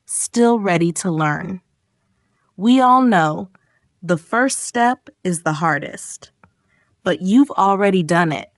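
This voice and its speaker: A woman giving scripted, encouraging narration for an English speaking lesson, measured and earnest. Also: medium pitch, no room sound, clean studio sound. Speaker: English teacher.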